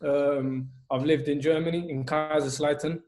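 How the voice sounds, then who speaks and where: A young man in his twenties, originally from Albania, recounts his path into coaching on a video call. His voice sits a little high and barely rises or falls. He talks earnestly, filling gaps with hesitations and restarting phrases. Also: fairly even intonation, normal speed, darkish tone, faint music behind. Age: 20s. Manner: earnest, many fillers and restarts. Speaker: football coach.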